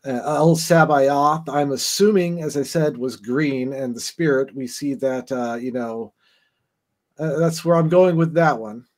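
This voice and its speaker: Unhurried and a little mellow, this medium-pitched man is a guest on a laid-back podcast discussing game lore. He meanders hesitantly through his theories, restarting often and leaning on fillers.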